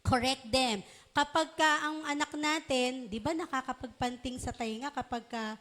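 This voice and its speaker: A woman's voice: high voice, steady tone, moderate pace, a bit bright. A woman teaching a congregation of children and parents in a sermon, coaxing them along with questions and frequent check-ins. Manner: acts out parents and children in short voices. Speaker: church teacher.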